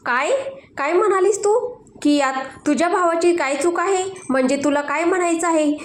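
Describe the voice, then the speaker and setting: A woman's voice: extremely high pitch, normal speed, roomy sound, pitched above the performer's own voice. A woman voicing an angry, domineering young husband in a storybook, speaking harshly and accusingly. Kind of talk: storybook narration.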